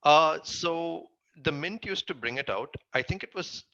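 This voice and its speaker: A man's voice: a little high, lively intonation, a little slow, vocal fry, pushed and bright, no echo, highs cut off. A man with a Tamil accent giving casual interview answers as a guest, recounting his work. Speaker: interview guest, comic writer.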